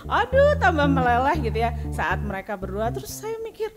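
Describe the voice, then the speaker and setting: A woman's voice: sits high, wildly swooping pitch, fairly quick. Middle-aged lady telling a church testimony, chatty, lots of little laughs, music going in the background. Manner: chatty, laughs often while telling stories; many fillers like "gitu ya". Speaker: church member giving testimony. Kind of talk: personal testimony in a church service. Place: church service.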